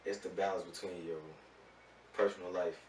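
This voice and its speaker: A man who manages music artists, talking in a rambling, relaxed way full of fillers during a casual radio interview. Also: low-pitched, moderate pace. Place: radio studio. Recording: roomy distant mic with faint noise.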